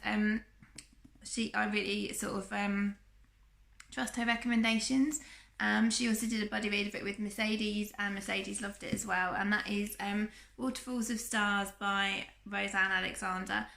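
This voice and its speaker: A woman with a croaky voice from a cough, chatting casually and rambling through a book haul with lots of ums. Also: medium pitch, level tone, moderate pace, sharp tone, reverberant. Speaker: book vlogger.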